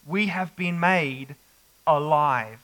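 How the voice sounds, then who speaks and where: A man preaching an expository sermon, slow and emphatic with dramatic pauses. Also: a little high, bright, forceful tone, rough recording.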